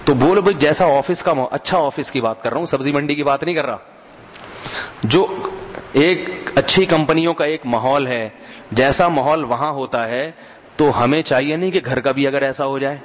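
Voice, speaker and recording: A man's voice: medium pitch, moderate pace, a little hiss or hum. A man preaching a sermon with a mid-range voice, speaking in an easy, conversational way and telling humorous anecdotes. He keeps checking in with his listeners and asking them to answer. His voice carries a long reverb, as though he is in a large hall. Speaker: religious preacher.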